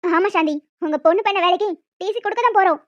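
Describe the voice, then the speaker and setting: A performer voicing a snobbish cartoon schoolteacher. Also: female voice, very high-pitched, fast talker, fairly bright tone, no echo. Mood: haughty. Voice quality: haughty, cold. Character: stern snobbish woman schoolteacher. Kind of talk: cartoon voice acting. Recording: dull lo-fi dry recording.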